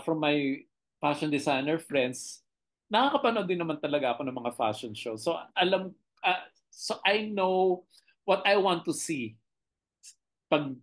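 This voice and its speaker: A middle-aged director with a Filipino accent, telling behind-the-scenes stories in a casual interview with animated, expressive storytelling. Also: medium pitch. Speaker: television director, guest.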